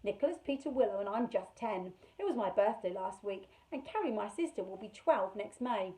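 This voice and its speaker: A woman's voice: medium pitch, animated, brisk, dark tone, lightly acted, low-quality recording. A woman doing an eager little boy. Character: ten-year-old boy, friendly and eager.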